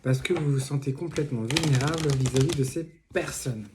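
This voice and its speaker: A man's voice: medium pitch, fairly quick. Man doing a card reading, rambling, joking, lots of fillers, noisy home recording with clicks. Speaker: card reader giving a reading. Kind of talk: casual spoken tarot reading.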